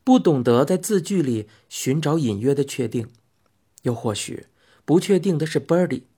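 A man narrating a novel as an audiobook in a soft, unhurried, intimate way. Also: medium pitch, creaky, breathy edge. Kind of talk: scripted narration.

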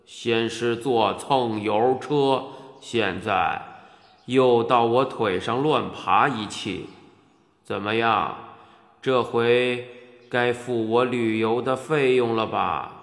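A vast ox-headed giant rumbles out each word in a slow, gravelly drawl. The voice sits far off in a long, hallish echo, with faint music underneath. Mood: mocking. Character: huge booming ox-headed male giant, mocking. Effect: cavernous echo added. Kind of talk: audiobook character voice. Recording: echoey, distant hall reverb over music.

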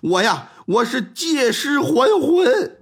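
A spoiled young master from a storytelling tale, haughty and dramatic, as a male narrator puts him on. His voice is husky and rises and falls wildly. It ends up stretched into begging cries. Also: high-pitched, wildly swooping pitch, moderate pace, a bit bright, full character voice. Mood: pleading. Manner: arrogant, later tearful pleading. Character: brash young master, claims rebirth, pleading.

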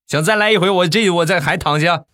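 A man voicing a scheming old man who fakes an injury, with theatrical wailing and shouting. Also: sits high, quick pace, noisy background, voice pushed up, close to an everyday voice. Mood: teasing.

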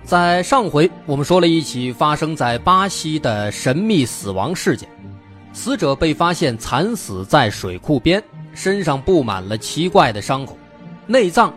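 A man with a Mainland Chinese Mandarin accent narrating true crime as a show host, telling it suspensefully with colloquial asides. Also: on the high side. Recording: music bed behind the voice.

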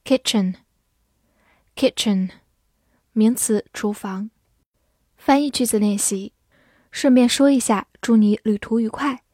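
A woman teaching English vocabulary in a lesson, spelling words out letter by letter and speaking slowly and deliberately. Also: on the high side, dark tone, no room sound, clean studio sound.

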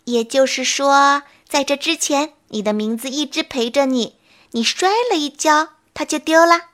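A woman voicing a kind, calm young deer who comforts a friend in a bedtime story. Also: high voice, normal speed. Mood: caring. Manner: gentle and soothing.

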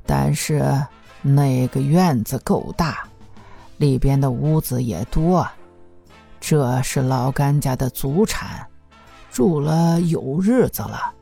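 A gossipy old village grandmother, put on by a male narrator in an audiobook, drawling her words out at a slow, unhurried pace. Her voice is creaky and husky, pitched up high from his own, with a dark, mellow tone. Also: faint music behind, heavily acted. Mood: chatty. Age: over 60. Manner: drawn-out, gossipy, matter-of-fact. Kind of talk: audiobook character voice.

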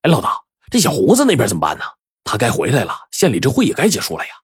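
Man doing a soft-hearted thug, husky, quick, stammering. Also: medium pitch, wildly swooping pitch, no echo, clean studio sound, voice pushed up, full character voice. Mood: sheepish. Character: rough but soft-hearted henchman.

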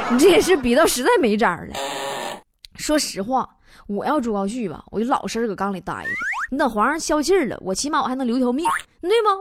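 Lively Northeastern Chinese woman storyteller. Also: high-pitched, noisy background. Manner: chatty, teasing, laughs often, dialect slang. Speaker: host. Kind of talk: comedic history storytelling.

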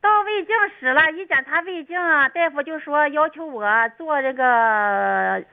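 A middle-aged woman with a Dalian accent rambles through her story and laughs often. Her voice sits high. The sound is dull and lo-fi. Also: expressive, unhurried, creaky. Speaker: call-in guest. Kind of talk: chatty storytelling.

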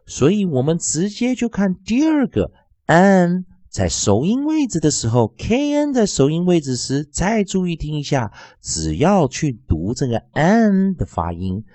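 Slow, sing-song male phonics teacher. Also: no echo. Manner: slow, drawn-out repetition of sounds and words; very lively, sing-song pitch. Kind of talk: classroom-style phonics lesson.

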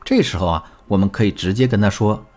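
A man as a relationship coach, giving a recorded lesson in an animated storytelling way. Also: on the low side, fast talker, soft background music.

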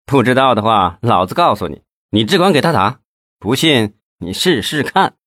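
A man's voice: on the low side, animated, moderate pace, fairly bright tone, no echo, clean studio sound. A man voicing a drunk, crude, bullying male thug in a storybook reading. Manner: swaggering, mocking, crude.

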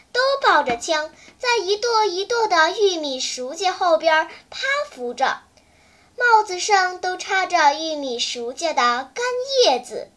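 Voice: very high voice, pushed and bright, full character voice. A storyteller voicing a brave, cheeky young village boy who talks eagerly, breathlessly and stubbornly.

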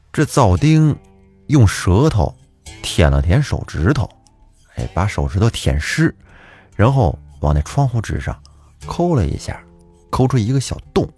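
A man's voice: lowish voice, darkish tone, breathy edge. A man telling a folk ghost tale in a chatty, vivid, colloquial way. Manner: chatty, vivid, with Beijing-style erhua. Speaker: storyteller. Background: faint guitar music.

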